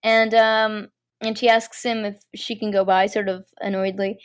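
A woman's voice: mid-range voice, level tone, normal speed, clear, resonant tone. An eighteen-year-old woman co-hosting a podcast, recapping a movie in a rambling, self-deprecating way full of fillers. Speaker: podcast co-host. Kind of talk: casual movie recap chat.

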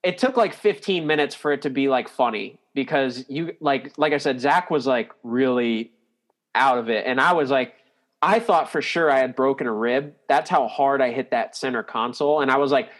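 A man with a medium-pitched, fairly bright voice casually retells an old road story at a moderate pace. He rambles, says "like" constantly, and keeps correcting himself mid-sentence.

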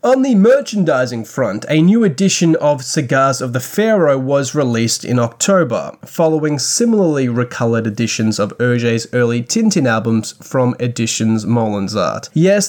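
A man hosting a podcast, reading scripted news commentary with dry, wry asides. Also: medium pitch. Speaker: podcast host.

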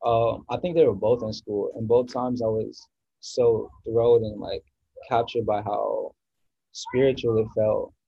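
A man's voice: lowish voice, flat delivery, measured pace, creaky, slightly rough, no echo, muffled recording. A man from the US East Coast, a guest musician in a casual podcast chat, rambling and searching for words with many restarts.

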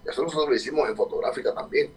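A man's voice: medium pitch, racing, far from the mic, low-quality recording. A man, a photographer and workshop teacher, talking casually and emphatically in an interview, repeating his points with lots of fillers.

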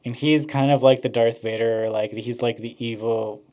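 A man's voice: mid-range voice, fairly even intonation, moderate pace, dark tone. A man, a podcast host, rambling through casual chat, with many "like" fillers. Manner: rambling, heavy use of "like" fillers.

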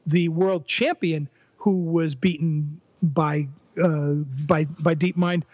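An older man with a notably high voice speaks as a podcast guest. He reasons aloud, repeating words and restarting as he works toward a point. The sound is dry and close. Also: steady tone, darkish tone, no room sound, lo-fi sound. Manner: thoughtful, halting restarts, repeats words while building a point. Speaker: podcast guest, psychologist and former professor. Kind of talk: conversational interview.

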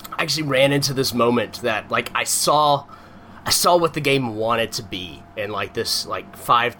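A man co-hosting a casual gaming podcast, telling a rambling, animated story full of fillers. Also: medium pitch, slight background noise. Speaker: podcast co-host. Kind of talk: casual chat.

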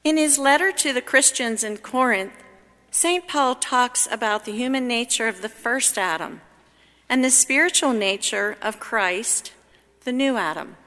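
A woman reading scripture solemnly at a church service, with measured, deliberate phrasing, in a cathedral-like echo. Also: on the high side, pushed and bright. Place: large reverberant church. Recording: cathedral-like echo, long reverb.

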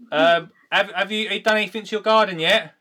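A man's voice: sits high, sharp tone, slight background noise. A man with an Essex accent hosting a live call-in, chatting casually in an informal, matey way. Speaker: live call-in show host. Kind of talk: casual unscripted chat with callers.

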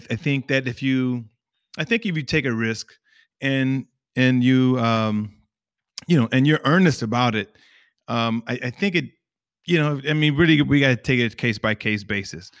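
A man in a casual panel discussion, talking haltingly with many restarts. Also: mid-range voice, no room sound, studio quality.

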